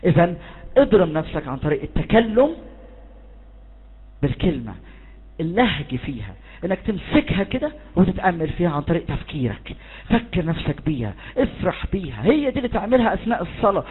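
A man's voice: high-pitched, big pitch swings, fairly quick, breathy edge. A man with an Egyptian Arabic accent preaching a charismatic sermon, fervently urging his listeners on and leading them in declarations. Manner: fervent, urges the listeners on and leads shouted declarations. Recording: tinny phone-like recording.

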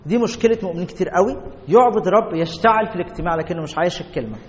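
A man with an Egyptian Arabic accent preaching a sermon as a pastor, emphatic and slowing down to stress key words. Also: high voice, dull audio. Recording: long reverb of a large hall.

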